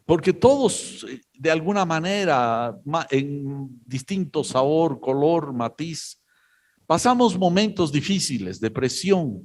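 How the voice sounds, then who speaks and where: Slow, halting male preacher. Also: a little high, animated. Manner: slow, halting delivery with many pauses and fillers. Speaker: pastor. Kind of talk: sermon.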